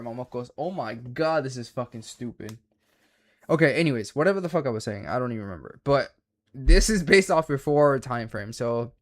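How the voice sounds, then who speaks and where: A man giving casual live-stream commentary as a trading mentor, swearing often in slangy, emphatic, repetitive phrases. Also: mid-range voice.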